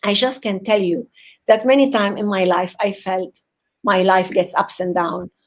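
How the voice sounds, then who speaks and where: Over a video call with poor audio, a woman from Venezuela who works as a psychotherapist gives a sincere motivational talk as a guest speaker. Her medium-pitched voice keeps a fairly even intonation, and she halts earnestly, repeating words as she hunts for the right phrasing.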